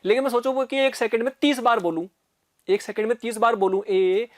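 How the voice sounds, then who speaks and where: A man's voice: extremely high pitch, a little fast. A man teaching physics in a recorded lecture. He explains step by step, often checks in with his students, and repeats sounds aloud to demonstrate.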